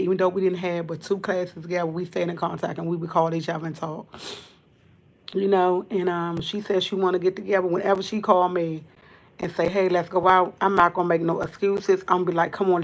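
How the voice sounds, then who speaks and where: A woman hosting a livestream, tearful and fighting back crying, talking in a halting, earnest way that keeps repeating itself. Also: lowish voice. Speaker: livestream host. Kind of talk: emotional livestream monologue. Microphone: camera.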